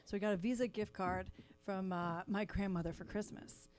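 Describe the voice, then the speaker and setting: A middle-aged woman comedian telling stories in casual chat, laughing often and acting out lively quoted voices. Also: mid-range voice, normal speed. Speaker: comedian guest. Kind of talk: casual storytelling. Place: podcast studio.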